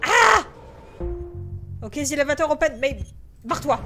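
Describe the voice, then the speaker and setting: A woman's voice: sits high, moderate pace, music in the background. A woman streaming a horror game in live commentary, jumpy and easily irritated, swearing and talking to herself with English words mixed in.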